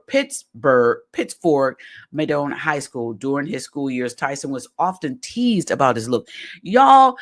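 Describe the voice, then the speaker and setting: A podcast host giving casual commentary while reading aloud from a web page, chatty and folksy, often stumbling over the words. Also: mid-range voice.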